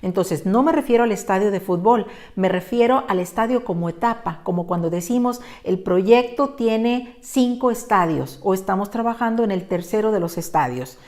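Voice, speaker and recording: A woman teacher giving a patient, clearly explained online lesson and speaking directly to the viewer. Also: mid-range voice, moderate pace, few pauses, darkish tone. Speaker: Spanish teacher. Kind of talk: online lesson on pronunciation and spelling.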